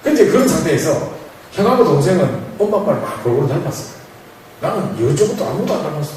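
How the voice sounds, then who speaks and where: A fast-talking man preaches a storytelling sermon. His voice is bright, and it swings up and down as he acts out the voices in his story. He is heard from across a church hall, with heavy echo and faint room noise. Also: on the high side. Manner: animated, playful, acts out dialogue with laughs. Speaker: pastor. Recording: echoey hall, mic from far off.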